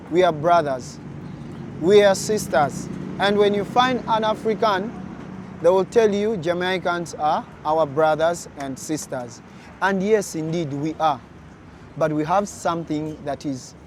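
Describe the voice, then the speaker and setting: A young man from Uganda talking casually to camera as a vlogger, slow, deliberate and earnest, addressing his viewers directly. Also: a little high, a little hiss or hum.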